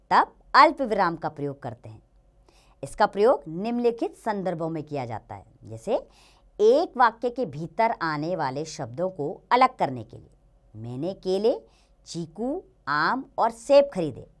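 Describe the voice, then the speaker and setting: A woman teaching a grammar lesson to children in a slow, sing-song way. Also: medium pitch, big pitch swings, fairly bright tone.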